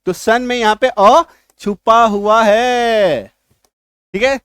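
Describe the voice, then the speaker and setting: A man's voice: very high voice, takes it slowly, a bit bright, smooth, dry recording, clean studio sound. A man teaching English reading in a classroom-style lesson. He speaks with a Hindi accent, spells out letters and keeps asking "ठीक है?" to check that students follow.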